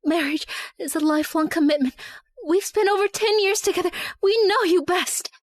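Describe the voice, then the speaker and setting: Very high-voiced, desperate young woman. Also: moderate pace, no room sound. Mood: anxious pleading. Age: young adult. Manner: pleading, emotional. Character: desperate, remorseful young woman pleading with childhood friend.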